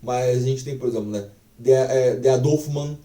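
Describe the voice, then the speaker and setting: A man's voice: mid-range voice, normal speed, warm tone, far from the mic. Chatty, swearing man in an echoey room. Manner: chatty, profane, many fillers. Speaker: language teacher. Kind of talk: casual online language lesson.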